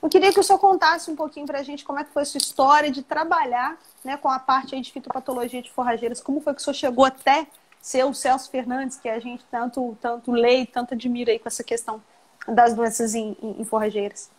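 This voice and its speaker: A high-pitched woman talks fast in a steady tone while hosting a warm, casual live-stream interview by video call. She's a professor from Rio de Janeiro state, Brazil, with a Minas Gerais Portuguese accent, and she comes across as chatty and affectionate.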